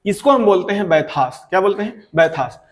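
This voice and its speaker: Man, high voice, lecture, slow question reading, repeats points over and over. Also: animated. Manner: reads questions aloud slowly, then explains at length with many repetitions. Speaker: teacher. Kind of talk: exam-prep lecture.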